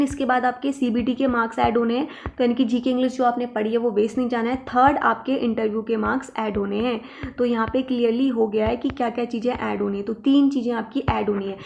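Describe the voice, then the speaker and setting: A woman's voice: a little high, vocal fry, a little mellow. A woman teaching an online exam-prep lesson, emphatic and reassuring, checking in with her students often. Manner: repeats "ठीक है" and "देखो" to check in with students.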